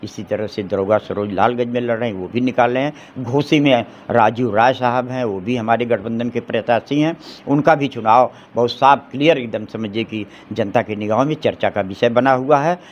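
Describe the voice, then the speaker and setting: A middle-aged man speaks in a forceful, argumentative way. He throws out rhetorical questions and keeps restarting his sentences. His pitch sits in an ordinary middle range. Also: moderate pace, lo-fi sound, slight background noise. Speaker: advocate interviewed on the election. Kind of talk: street interview, political opinion.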